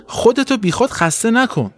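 A man's voice: very high-pitched, expressive, pitched above the performer's own voice. A man voicing little baby fish who tease and dismiss in a children's story. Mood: scoffing. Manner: dismissive, teasing.

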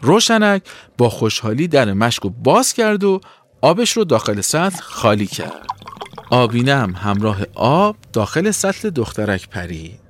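A man narrating a children's story in an expressive, dramatic way. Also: medium pitch.

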